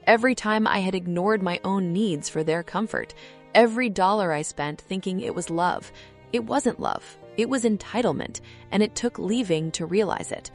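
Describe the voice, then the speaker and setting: A woman narrating a first-person story in a calm, measured, reflective way, in short clipped phrases. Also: mid-range voice. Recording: faint background music.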